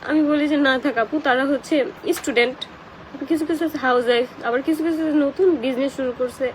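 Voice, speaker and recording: A woman's voice: high-pitched, a little fast, a little hiss or hum, poor audio. A young woman with a Bangladeshi accent, crying and emotional as she chats casually on a live stream and answers comments. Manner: tearful, emotional, crying talk. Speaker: live streamer who does paid promotions.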